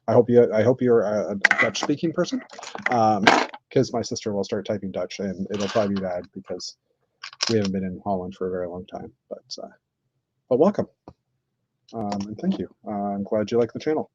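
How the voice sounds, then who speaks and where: Halting low-voiced man, lo-fi. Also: darkish tone, slight background noise. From Canada. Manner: halting, thinks aloud with many fillers. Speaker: streamer building with toy bricks. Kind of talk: casual live-stream chat. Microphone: computer mic on live stream. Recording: dull lo-fi stream audio.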